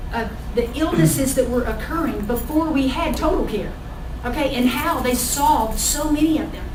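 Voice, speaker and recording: An American woman giving a motivational sales training talk as a business trainer, emphatic and often checking in with her listeners. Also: sits high. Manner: emphatic, checks in with "okay?" and "all right?". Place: large indoor training room with audience. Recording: echoey room, distant mic, noisy background.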